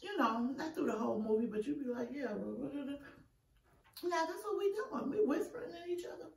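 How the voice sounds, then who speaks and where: A middle-aged woman with a slightly high voice chats casually as she eats, sometimes through a mouthful. She sounds a little way from the microphone in an echoey room, telling her stories like an eating-show vlogger. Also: a little fast, gravelly, a little mellow. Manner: talking while eating, mouth sometimes full. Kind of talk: casual chit-chat storytelling during an eating show. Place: indoor room, green-screen backdrop. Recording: roomy echo, distant microphone.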